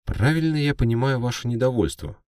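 Man voicing an uneasy, higher-pitched news presenter. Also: very animated, moderate pace, no echo, clean studio sound, distant mic. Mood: nervous, insistent. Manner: formal, insistent, uneasy. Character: anxious male half-elf television news presenter. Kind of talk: fantasy audiobook character voice.

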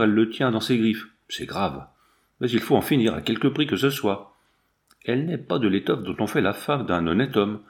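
A man voicing a stern, worried old general in an audiobook, agitated and severe. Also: lowish voice.

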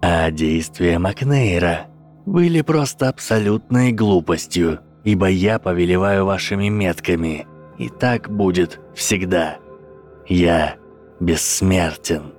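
A man reading a menacing dark lord in a very deep, unhurried voice. The tone stays cold and quietly amused, with a faint bed of music underneath. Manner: slow, low and deliberate.

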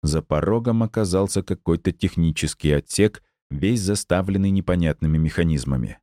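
A man narrating a first-person science fiction story as an audiobook reader, in a steady storytelling manner. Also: low voice, normal speed, no echo, studio quality.

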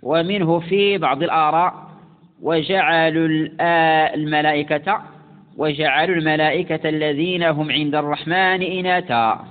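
A man teaching classical grammar, who slowly recites examples and repeats words for emphasis. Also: on the high side, steady tone. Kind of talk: lesson explaining classical grammar. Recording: tinny phone-like sound with long reverb.

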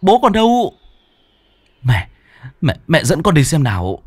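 A man's voice: medium pitch, big pitch swings, normal speed, husky, dry recording, voice pushed up. A man voicing an urgent, protective young husband, stammering in alarm.

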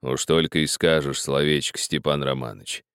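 A man voicing a pious old peasant miner who speaks slowly and gravely, preaching and pleading in an older man's voice. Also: a bass voice, steady tone, a bit bright, no echo, studio quality, voice pushed down. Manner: slow, grave, moralizing.

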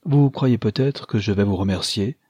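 A man's voice: fairly low pitch, normal speed, warm tone, breathy edge, dry recording, lo-fi sound. A man reading an audiobook, voicing a young engineer who banters playfully. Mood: teasing. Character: young male engineer, teasing and gallant.

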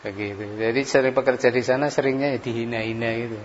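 Give me a man teaching an Arabic textbook lesson, reading very slowly and repeating each phrase as he translates it. His voice sits at an ordinary middle pitch. It echoes through a long hall, heard on a dull recording with a faint hiss. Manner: slow, repeats words to translate. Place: study hall.

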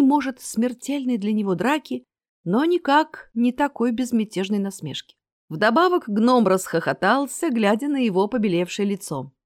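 A woman's voice: a little high, a little mellow, no room sound, clean studio sound. A woman reading a fantasy novel aloud as the narrator. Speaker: audiobook narrator.

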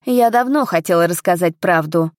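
A woman's voice: fairly low pitch, moderate pace, no echo, clean studio sound, natural voice. A woman voicing a remorseful young nobleman who confesses in a grave, sober tone.

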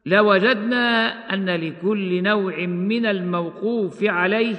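A man teaching the rules of Quran recitation, explaining each rule and then slowly chanting the examples. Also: high-pitched, pushed and bright, big-room sound. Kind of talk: tajweed lesson with chanted examples.

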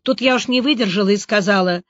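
A woman narrating a novel as an audiobook, voicing the dialogue with brisk, lively delivery. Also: mid-range voice, dry recording, lo-fi sound. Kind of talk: audiobook reading with character voices.

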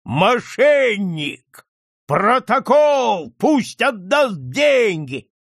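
A man reading an audiobook, voicing a furious male gambler who roars and shouts accusations in a high, strained voice. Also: big pitch swings, extremely slow, dry recording, studio quality, full character voice. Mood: furious roaring.

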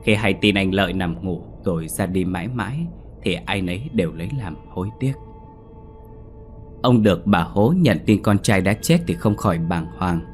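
A man narrating a scripted ghost story in a steady, solemn reading. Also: low-pitched, moderate pace, soft background music.

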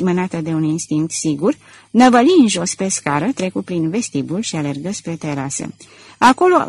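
Husky woman narrating an audiobook. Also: lowish voice, a little mellow. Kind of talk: scripted narration.

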